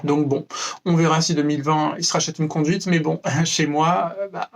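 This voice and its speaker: A man's voice: a little high, steady tone, normal speed, gravelly. A young man from France ranting to camera in a sarcastic, mocking, rambling way, with many fillers and restarts. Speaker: vlogger. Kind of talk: freestyle rant to camera.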